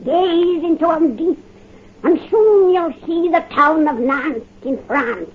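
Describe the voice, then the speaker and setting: A woman's voice: very high voice, slow pace, heavily acted. A woman voicing a cackling 103-year-old witch who tells a horror story on a 1930s radio drama, heard through a dull old recording. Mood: gleeful, sinister. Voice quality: cackling, drawling.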